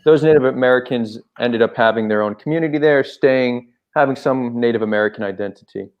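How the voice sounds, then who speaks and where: Male host, call-in debate; measured, patient delivery, muffled lo-fi audio. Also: medium pitch. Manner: calm, measured, repeatedly tries to get a word in.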